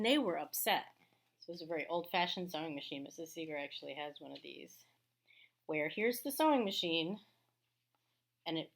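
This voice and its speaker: This elementary school teacher's voice is fairly low-pitched yet fairly bright. She's doing a read-aloud storybook lesson for kids. Between passages she chats, explains, and stops to remark on the illustrations.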